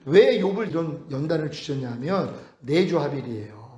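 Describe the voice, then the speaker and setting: High-voiced animated male Bible lecturer. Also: moderate pace. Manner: animated, chuckling, rhetorical questions. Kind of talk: sermon-style lecture. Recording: roomy echo.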